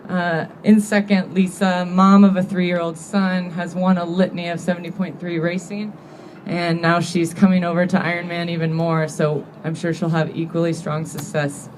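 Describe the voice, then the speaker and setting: A woman in her thirties giving an emotional acceptance speech at a banquet, earnest and grateful, turning teary and halting at times. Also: on the low side, flat delivery, a little mellow, a little hiss or hum, poor audio. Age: 30s. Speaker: award-winning athlete giving a thank-you speech. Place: banquet hall with an audience.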